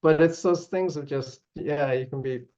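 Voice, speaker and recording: A middle-aged judo coach from Toronto, Canada, tells stories in a casual interview, chuckling often and rambling with lots of fillers. His voice is a little high and warm, at a moderate pace. The recording is slightly dull and lo-fi.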